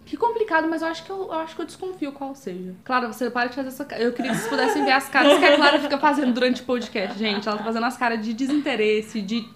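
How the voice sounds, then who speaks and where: High-voiced woman, playful. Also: racing, few pauses, a crowd in the background. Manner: playful, laughs often, hums little tunes. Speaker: podcast host. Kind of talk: casual chat among friends. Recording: echoey room.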